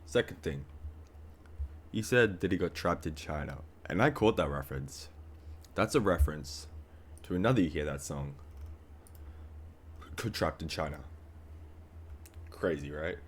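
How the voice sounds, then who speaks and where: A man's voice: extremely low pitch, expressive, measured pace, long pauses, breathy edge. A man streamer reacting to music, talking in a rambling, casual way with many fillers.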